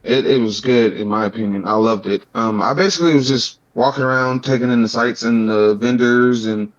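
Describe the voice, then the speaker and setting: A man with a mid-pitched voice joins a casual podcast chat as a guest. He recounts his experiences in a relaxed, easygoing way. His voice comes through slightly dull, as on a lo-fi recording. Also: fairly quick. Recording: dull, lo-fi sound.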